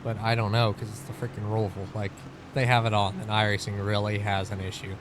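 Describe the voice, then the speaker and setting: A man's voice: lowish voice, monotone, fairly quick. A man chatting casually while sim racing, bluntly thinking aloud about his driving with the odd mild swear. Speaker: sim racing driver and streamer. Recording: clear engine noise behind voice. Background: car engine noise.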